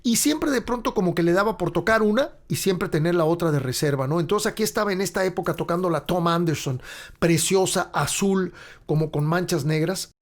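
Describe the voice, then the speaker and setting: A man's voice: high-pitched, brisk. A middle-aged man with a Mexican accent, hosting a podcast and telling long, rambling anecdotes full of slang. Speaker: podcast host and rock musician. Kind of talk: casual storytelling monologue.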